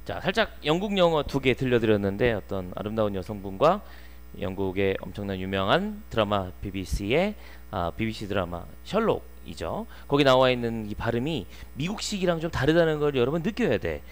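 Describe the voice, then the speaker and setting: A male English teacher giving an exam-prep lecture who goes through the sentences line by line and reads the English parts slowly. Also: medium pitch, sing-song.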